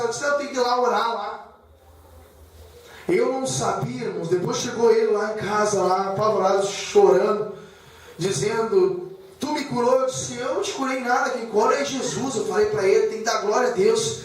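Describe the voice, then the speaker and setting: A man's voice: high-pitched, moderate pace, a little hiss or hum. A man preaching a sermon with personal testimony, emotional and repetitive, calling the congregation brothers. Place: church hall. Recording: echoey church hall from far off.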